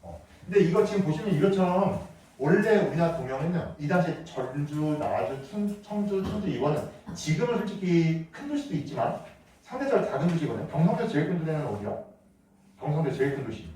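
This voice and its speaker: Male history teacher quizzing his class, animated, heard from a distance in a reverberant classroom. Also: on the high side, fairly quick. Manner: lively, asks students questions. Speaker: middle school history teacher. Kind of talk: classroom lecture. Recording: echoey classroom from far off.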